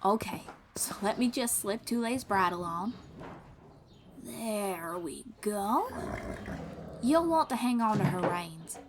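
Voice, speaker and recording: Speaking slowly in an expressive mid-range voice, a woman voices a patient, kind young bard for an audio roleplay. She guides the listener gently, with encouraging, folksy warmth, while background noise runs underneath.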